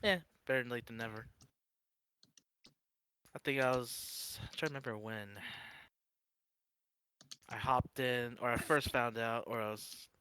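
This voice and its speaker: A man chatting casually in a halting way, as if thinking aloud. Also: mid-range voice, steady tone, bright, forceful tone, smooth, dry recording. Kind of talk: casual group chat. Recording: faint noise and clicks.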